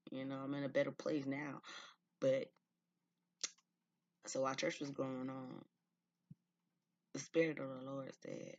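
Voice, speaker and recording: A man's voice: mid-range voice, vocal fry, fairly bright tone, no room sound. A man in his thirties telling a personal story in a casual, chatty way, full of "like" and "y'all". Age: 30s. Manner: chatty, fills speech with "like" and "y'all". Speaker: vlogger. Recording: dull lo-fi dry sound.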